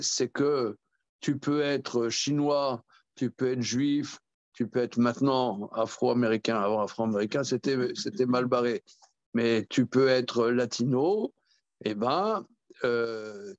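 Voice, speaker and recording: Rabbi teaching a class, chatty and animated, lots of restarts, kinda dull dry sound. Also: male voice, mid-range voice, no room sound. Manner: animated, repetitive, with many restarts and role-played examples. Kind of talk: informal Torah lesson.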